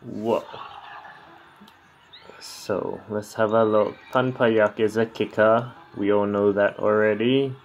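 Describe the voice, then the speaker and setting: A man's voice: fairly low pitch, level tone, slow pace, highs cut off. A man giving casual, laid-back reaction commentary on a Muay Thai fight in sparse remarks and short interjections, over background noise. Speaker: fight commentary video creator.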